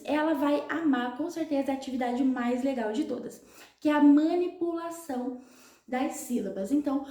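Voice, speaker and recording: A woman with a Brazilian Portuguese accent, a literacy educator explaining things to parents clearly, step by step. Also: high-pitched, darkish tone, roomy sound.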